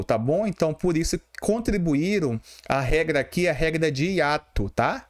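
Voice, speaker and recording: Brazilian male exam-prep teacher, voice a bit high, spells out syllables for the class. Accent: Brazilian Portuguese. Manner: talks to students directly, asks and answers his own questions, syllable by syllable. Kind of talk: explaining exam questions.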